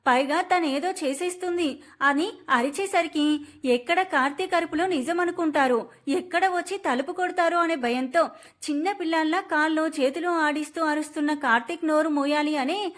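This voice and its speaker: A woman narrating a romantic family story in an emotive, expressive storytelling manner. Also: sits high, moderate pace.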